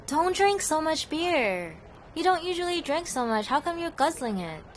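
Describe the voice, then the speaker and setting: A woman's voice: sits high, big pitch swings, normal speed. An actress dubbing a nosy young daughter who teases her father, in an English dub of a TV drama. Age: young adult. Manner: teasing, nosy. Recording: faint background noise.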